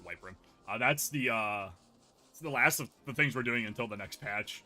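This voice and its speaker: A man's voice: mid-range voice, fairly quick, bright, forceful tone. A man co-streaming a game, casually explaining what comes next in a laid-back way. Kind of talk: casual gameplay chat.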